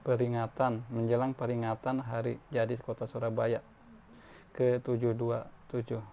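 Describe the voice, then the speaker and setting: A man's voice: medium pitch, completely flat delivery, moderate pace, vocal fry, dark tone. A man reading news articles aloud, often stumbling and restarting words. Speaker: news reader. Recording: faint background noise.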